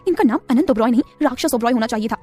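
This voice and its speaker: A woman's voice: on the high side, racing, dark tone, husky, faint music behind. A woman voicing a timid, innocent young woman who turns whiny and sulky when scolded.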